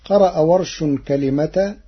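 A man teaching Quran recitation variants, speaking slowly and deliberately and intoning each quoted verse. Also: a little high, breathy edge, highs cut off. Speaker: Quran reading instructor. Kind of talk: didactic explanation of recitation variants.

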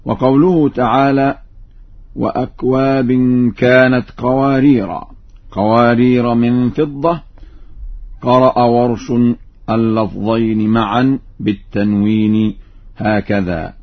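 A man teaching recitation variants, giving measured spoken explanations and then chanting each example slowly and melodically. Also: medium pitch, steady tone, lo-fi sound.

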